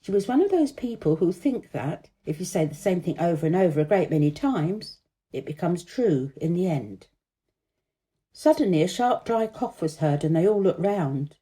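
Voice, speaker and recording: Reading a kids' story with expressive narration, a woman moves at a moderate pace. Her very soft, mellow voice rises and falls in lively pitch sweeps.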